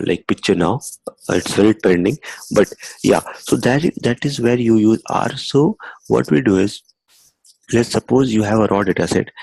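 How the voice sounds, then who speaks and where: A man's voice: fairly low pitch, vocal fry, darkish tone, husky, dry recording, poor audio. A young man teaching a screen-recorded coding lesson, talking conversationally, adding "okay" often and restarting phrases. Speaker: instructor.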